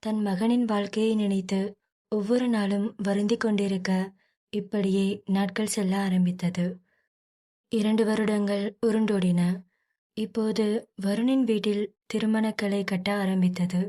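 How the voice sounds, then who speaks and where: A woman narrating an audio novel in a steady storytelling manner. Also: mid-range voice, a little slow. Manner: steady, plainly paced storytelling.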